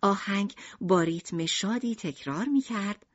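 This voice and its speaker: A woman narrating an audiobook in an expressive storytelling manner. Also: mid-range voice, dry recording, muffled recording.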